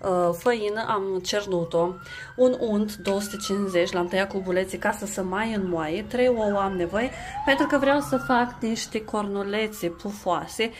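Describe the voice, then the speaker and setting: A mother in her thirties chats casually through a home vlog about cooking and family days. Her pitch sits in an ordinary middle range. A faint hiss runs underneath. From Romania. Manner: chatty, lively, coaxing with children. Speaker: vlogger, mother.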